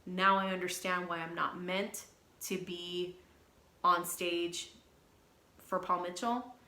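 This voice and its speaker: Bright-voiced woman confessing frankly. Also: on the low side, steady tone, takes it slowly, roomy sound. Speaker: beauty vlogger and hairstylist. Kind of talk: candid personal vlog.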